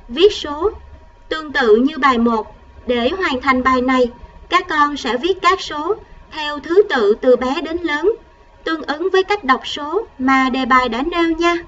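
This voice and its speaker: A woman primary school teacher giving a recorded math lesson to first graders, counting patiently and gently coaxing the children along. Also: high-pitched, far from the mic, highs cut off.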